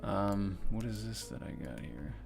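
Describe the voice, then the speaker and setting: Young male streamer, casual and profane, slow unhurried delivery. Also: fairly low pitch, big pitch swings, vocal fry, over music. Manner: rambling, casual, swears often. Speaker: livestreamer and animator. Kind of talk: casual livestream commentary.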